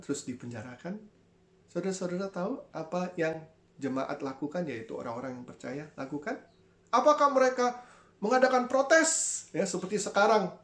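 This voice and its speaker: A pastor giving an online sermon in an animated way, often addressing listeners as brothers and sisters and acting out voices. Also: mid-range voice, reverberant. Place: church.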